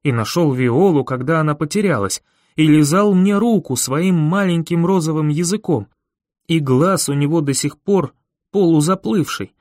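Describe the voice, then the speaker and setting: A man's voice: a little high, moderate pace, a little mellow, no room sound, clean studio sound. A man reading a first-person audiobook with an intense, urgent inner-monologue delivery. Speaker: audiobook reader.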